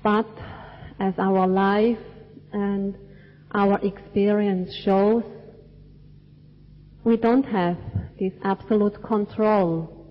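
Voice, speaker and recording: A woman from Switzerland gives a dharma talk at a very unhurried pace, weighing each short phrase. Her voice trails off into the long reverb of a large cinema hall. The recording sounds dull and lo-fi. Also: medium pitch, steady tone. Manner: slow, measured, deliberate phrasing. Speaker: Buddhist teacher.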